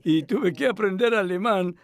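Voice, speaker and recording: An older man with a notably high voice responds to interview questions at a measured, thoughtful pace, reflecting as he goes. He often pauses and uses hesitant fillers while recalling things.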